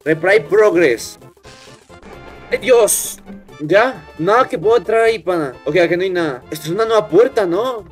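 A young man with a Colombian accent, commenting on a horror game he plays, jumping at scares, swearing and hushing himself. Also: high voice, lively intonation, fairly quick, hardly any pauses, soft background music. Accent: Colombian Spanish. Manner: jumpy, yelps and swears at scares, hushes himself. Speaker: gaming streamer.

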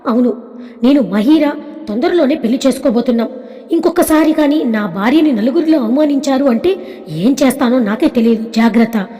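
A woman's voice: high-pitched, fairly quick, warm tone, natural voice. A woman voicing a stern young man who firmly stresses every word as he defends his fiancée. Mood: warning. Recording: long reverb.

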